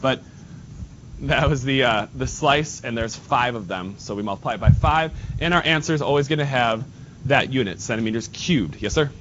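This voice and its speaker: Working through problems at the board, a nasal-voiced man teaching math keeps his lesson casual and chats with the class. His delivery is moderately paced and a bit bright, captured in dull, lo-fi audio with a slight rumble underneath.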